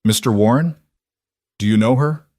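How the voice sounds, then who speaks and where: A man reading as a calm, firm woman detective. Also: medium pitch, normal speed, no room sound, studio quality, lightly acted. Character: calm authoritative female detective. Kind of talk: read story dialogue.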